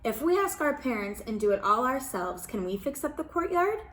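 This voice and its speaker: A woman's voice: sits high, big pitch swings, normal speed. Kamala, a woman voicing an earnest young girl. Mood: hopeful. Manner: earnest, pleading. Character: young girl writing a hopeful letter. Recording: roomy echo.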